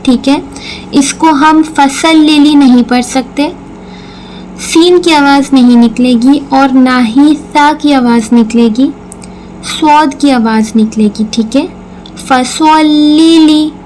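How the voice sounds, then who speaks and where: A woman's voice: sits high, a little mellow, a little hiss or hum, low-quality recording. A woman teaching Quran recitation, patiently explaining each sound step by step and repeating words. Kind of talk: slow tajweed lesson with recitation.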